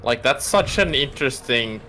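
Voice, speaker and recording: A man's voice: mid-range voice, expressive, moderate pace, bright, forceful tone, soft background music. A man who is not a native English speaker, chatting casually during a game stream, explaining at length and stopping to search for words. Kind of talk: casual chat while gaming.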